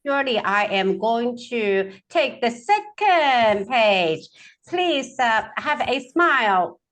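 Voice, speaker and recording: A woman's voice: a little high, big pitch swings, slow pace, fairly bright tone. A woman on a video call taking group photos, cheerfully coaxing everyone through countdowns. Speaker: event photographer.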